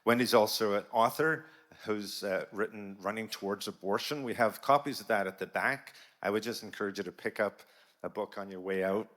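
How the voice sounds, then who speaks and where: A man serving as emcee at a gala, introducing the guest speaker in a relaxed, informal way. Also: lowish voice, brisk. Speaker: event emcee.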